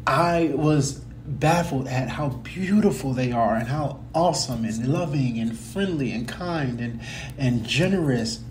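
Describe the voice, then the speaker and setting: A man's voice: mid-range voice, darkish tone, a little hiss or hum. A young adult man from the United States with a slight cold, hosting his own podcast in a casual, earnest way, rambling and correcting himself as he talks. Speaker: podcast host. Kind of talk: casual personal talk.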